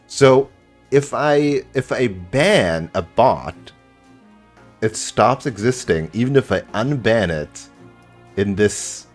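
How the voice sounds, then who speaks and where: A man doing live video game commentary, casually thinking aloud as he plays. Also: on the low side. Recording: game music behind the voice. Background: video game music.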